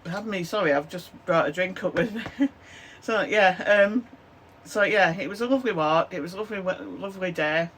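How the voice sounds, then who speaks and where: Seated close to her desk camera in a small craft room, a chatty Lancashire crafter in her fifties rambles with lots of fillers like "um, so yeah," her voice hoarse and her cough chesty. She speaks a little fast in a lowish, fairly bright voice, and there's slight background noise.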